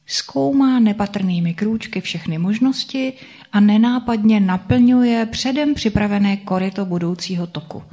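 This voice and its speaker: Soft-spoken woman reading a story. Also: mid-range voice. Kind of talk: first-person story reading.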